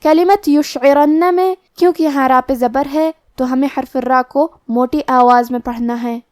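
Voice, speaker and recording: A woman teaching the rules of Quran recitation in a scripted lesson, explaining each rule step by step and reciting the words slowly. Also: sits high, a little mellow, no echo, clean studio sound.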